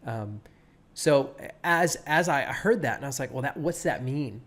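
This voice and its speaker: A man in his thirties, a pastor and guest, telling stories in an animated way, with a laid-back surfer-like voice, often acting out what people said. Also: mid-range voice, measured pace. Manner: animated, quotes people, many restarts. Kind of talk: casual storytelling interview.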